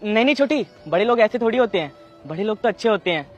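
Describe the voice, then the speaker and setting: A man's voice: high-pitched, lively intonation, quick pace, faint music behind. A man playing a poor young vendor and protective older brother who speaks earnestly and respectfully. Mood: firm. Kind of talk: amateur web drama acting.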